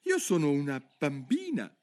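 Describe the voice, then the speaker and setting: Man doing a little girl voice, earnest and a bit indignant, pitched way up. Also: huge pitch swings, normal speed, fairly bright tone, heavily acted. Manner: indignant, protesting. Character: curious, earnest young girl.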